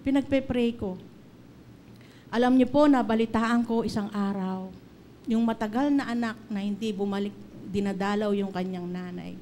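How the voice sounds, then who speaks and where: A woman's voice: mid-range voice, fairly even intonation, moderate pace, a little mellow, slight background noise. A middle-aged woman preacher giving an earnest sermon, telling personal stories and slipping English phrases into her talk.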